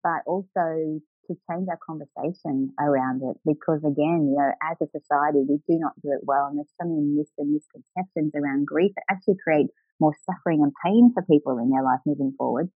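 A woman's voice: sits low, brisk, few pauses, breathy edge, dry recording, phone-quality sound, faint music behind. A middle-aged woman telling her own story as an interview guest, earnest and reflective. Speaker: guest, grief recovery coach.

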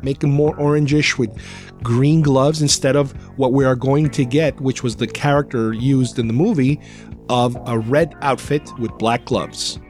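A man's voice: mid-range voice, fairly even intonation, a little slow, a little mellow, faint music behind. A man hosting a podcast with casual, rambling hobbyist commentary. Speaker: podcast host.

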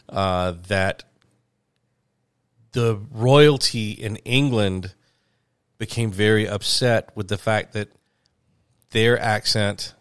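Low, dry-sounding man in his middle years, rambling podcast co-host with lots of fillers. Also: fairly bright tone, clear, resonant tone, no echo. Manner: rambling, halting, with many fillers and restarts. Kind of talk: casual chat.

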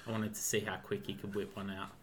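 A man's voice: on the low side, level tone, fast talker, slight background noise. A young Australian man chatting in an easygoing, teasing way. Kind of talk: casual chat.

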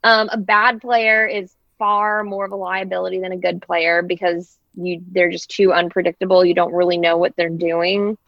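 A woman's voice: fairly low pitch, flat delivery, normal speed, few pauses, no room sound. A woman chatting candidly on a casual podcast, laughing easily with her co-hosts. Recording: slightly dull, dry sound.

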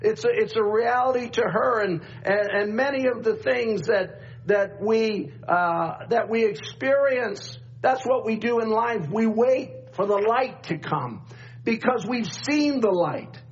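A middle-aged pastor preaching a sermon at a pulpit microphone, repeating refrains and calling for amens. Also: male voice, high voice, unhurried. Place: church sanctuary, at a pulpit microphone. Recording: dull church recording with faint hum.

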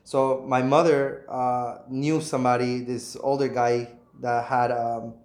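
A man's voice: medium pitch, little pitch movement, unhurried, a little mellow. Guest: thirties man, earnest and frank, echoey empty room. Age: 30s. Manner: earnest, frank, repeats words, many "you know"s. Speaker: realtor and property investor, guest. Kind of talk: casual interview. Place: vacant apartment unit indoors.

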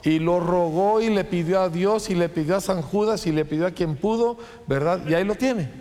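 A man preaching a sermon in a church, firing off rhetorical questions and quick asides. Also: high-pitched, dark tone. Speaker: pastor. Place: church sanctuary. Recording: long church reverb.

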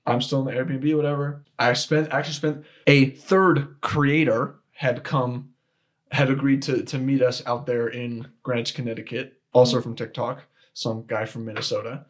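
A young man appears as a podcast guest, telling a personal story in casual conversation. His voice is medium-pitched and flat, at a moderate pace, and he rambles, restarting often and filling gaps with "like."

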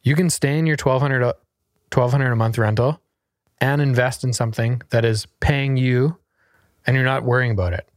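A man's voice: medium pitch, fairly even intonation, moderate pace, dry recording, studio quality. A man in his thirties hosting a podcast, talking in a brash, emphatic and teasing way. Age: 30s. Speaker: podcast host. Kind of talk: casual podcast chat.

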